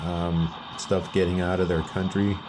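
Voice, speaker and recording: This radio hobbyist host talks through an informal, unscripted demonstration in a low, fairly flat voice at a measured pace, while loud shortwave static and broadcasts crackle behind him.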